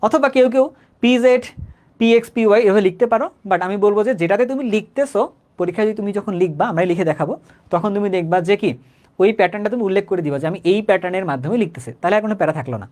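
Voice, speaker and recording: High-pitched and a touch mellow, this young man's voice carries a Bangladeshi Bengali accent as he leads a live chemistry lesson. Describing himself as slow and repetitive, he talks casually, restates points, and makes sure students understand.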